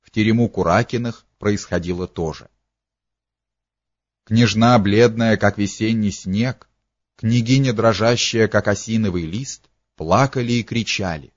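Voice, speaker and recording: A man's voice: fairly low pitch, no room sound, highs cut off. A man narrating a historical novel as an audiobook, telling it steadily with a slight dramatic lift.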